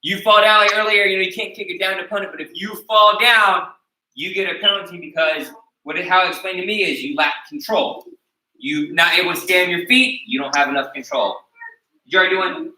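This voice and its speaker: A man with a high, very bright voice instructs students on sparring rules. He stresses the rules and keeps checking that they follow. He sounds distant from the mic, in an echoey training hall. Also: fairly quick. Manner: emphatic, repeats key rules with "okay?". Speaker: martial arts instructor. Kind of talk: teaching a class of students.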